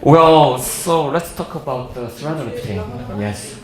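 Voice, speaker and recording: At an indoor medical seminar, a Korean-accented man in his forties, a native speaker from South Korea working as a plastic surgeon, gives an informal presentation. His medium-pitched English is halting and jovial, full of chuckles. The seminar room echoes, with a crowd audible in the background.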